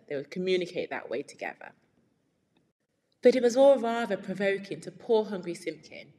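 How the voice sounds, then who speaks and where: A woman's voice: on the low side, a little mellow, in a large hall. Woman reading a children's story aloud. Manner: patient, explaining words step by step. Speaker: English teacher. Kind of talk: children's read-aloud with vocabulary explanations.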